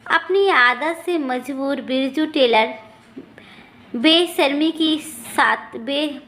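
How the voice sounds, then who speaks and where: A woman narrating a moral family story in a steady storytelling manner. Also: high-pitched. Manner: slow, even storytelling.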